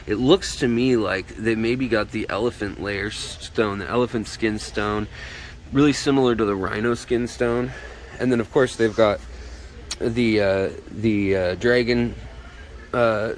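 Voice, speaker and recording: A man hosting a casual, chatty walk-through vlog, his voice slightly muffled by a face mask, as he shows viewers around a shop. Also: on the low side. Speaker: host of a shop tour video. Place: inside a pet shop, walking around. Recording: clear background noise, store ambience.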